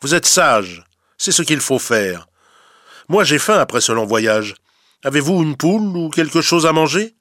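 A man's voice: fairly high pitch, a little slow, no echo, studio quality, pitched above the performer's own voice. A man voicing a timid but eager male cat messenger in a storybook reading. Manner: timid yet eager, excitable.

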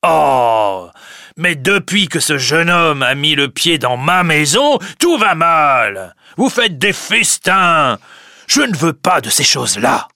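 A man's voice: mid-range voice, lively intonation, takes it slowly, sharp tone, dry recording, clean studio sound, exaggerated voice. A man reading aloud who voices a stern, miserly old wine-grower father who counts every coin. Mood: excited. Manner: counting money aloud, insistent. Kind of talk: audiobook reading.

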